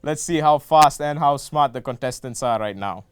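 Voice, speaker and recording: A man's voice: mid-range voice, normal speed, smooth, no room sound. Playful young male game show host. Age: young adult. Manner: playful, jokey asides. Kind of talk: hosting a student game show.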